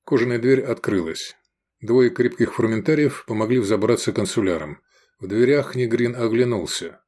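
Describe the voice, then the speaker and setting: A man's voice: medium pitch, normal speed. A man narrating an adventure novel aloud as an audiobook, switching into voices for the characters. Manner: lively storytelling, voices the characters. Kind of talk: scripted narration.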